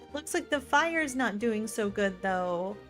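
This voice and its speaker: Gushing, excitable woman gaming streamer. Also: medium pitch, measured pace, faint music behind. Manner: gushing, excitable reactions with many "like" fillers. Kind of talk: let's-play commentary.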